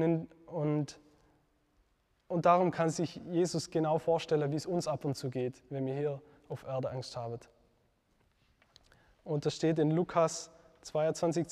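A man giving an earnest devotional teaching talk, reflective, pausing with fillers and correcting himself. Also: a little high, warm tone, in a large hall.

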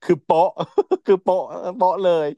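A man's voice: high-pitched, a little slow, no echo, muffled recording. A man co-hosting a casual podcast chat, recapping a series with frequent laughs and acted-out quotes. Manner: animated, laughing often, acts out characters' lines. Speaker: podcast co-host.

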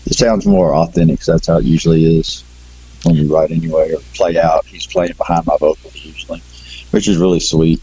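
Guest caller: deep, husky middle-aged Texan man, easygoing and rambling, heard over a distorted call line that keeps clipping and fading away. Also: level tone, fairly quick, mellow. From Texas, USA. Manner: easygoing, rambling, loses his thread. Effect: call audio clipping and fading out. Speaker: band singer, call-in guest. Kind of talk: casual interview over a call.

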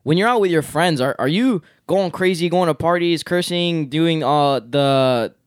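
A man's voice: on the high side, unhurried, smooth, no room sound, clean studio sound. Laid-back young man, slangy chat. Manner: laid-back, slangy, says yo and bro a lot. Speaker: podcast co-host. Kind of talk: casual podcast chat.

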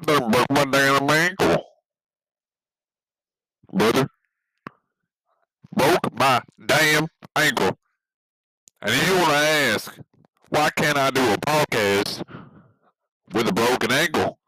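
Guy doing a blustery macho podcaster bit, bright forceful voice, rambly and repetitive, noisy recording. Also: medium pitch, measured pace, pauses often. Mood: blustering. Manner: repetitive, rambling, swearing bravado. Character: blustering macho male podcaster with belligerent swagger. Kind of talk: improvised comedy monologue.

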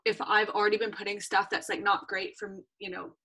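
A woman co-hosting a podcast, talking in a relaxed, reflective way. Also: mid-range voice, brisk, husky. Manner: relaxed, reflective, filler-heavy. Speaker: podcast co-host. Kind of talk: casual podcast chat.

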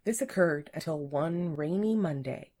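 A woman reads a story aloud as its narrator. Her voice sits low, and her telling is even and measured.

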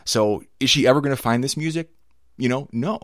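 A middle-aged man with a gravelly voice, a little hoarse from a cold, hosting a casual podcast as an enthusiastic, rambling storyteller. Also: medium pitch, fairly quick, a bit bright, no room sound, studio quality. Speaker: podcast host.

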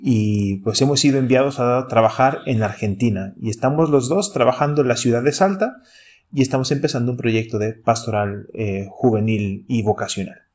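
A Chilean man in his thirties speaks with a Chilean Spanish accent at medium pitch and normal speed, his tone somewhat dark. He's a priest hosting a podcast in a casual pastoral style, reflecting aloud and putting direct questions to the listener.

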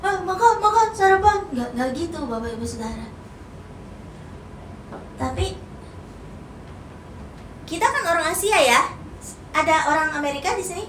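A woman's voice: high voice, animated, moderate pace, pauses often, a bit bright, roomy sound, slight background noise. A woman preacher, giving a playful sermon and acting out the lines she quotes. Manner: playful, acts out quoted lines, teases the congregation. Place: church hall.

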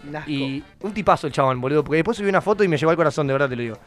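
A young Argentine man tells a story in a rapid, bouncing patter, acting out every quote as he goes. His voice sits a little high for a man, and faint music plays underneath him. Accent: Argentine Rioplatense Spanish. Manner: animated storyteller, acts out quotes. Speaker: podcast host. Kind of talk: casual chat.

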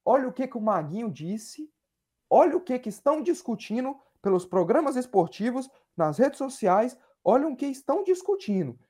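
A man's voice: very high-pitched, sing-song, normal speed, warm tone, husky. A man, arguing heatedly in a sports podcast debate and repeating himself insistently. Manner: exasperated, repeats phrases insistently. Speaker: podcast panelist.

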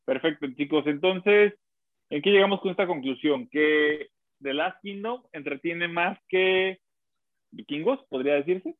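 A man's voice: fairly high pitch, measured pace, no room sound. A man, co-hosting a casual chat and joking around with silly impressions. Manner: jokey, laughing, does silly impressions. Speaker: podcast co-host. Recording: tinny phone-like line.

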